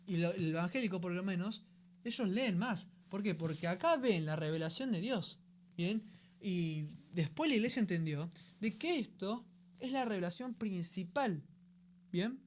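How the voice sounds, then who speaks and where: A man's voice: high-pitched, animated, moderate pace, slight background noise. A man with a Rioplatense Spanish accent hosting a radio program, giving a conversational teaching talk and often checking in with his listeners.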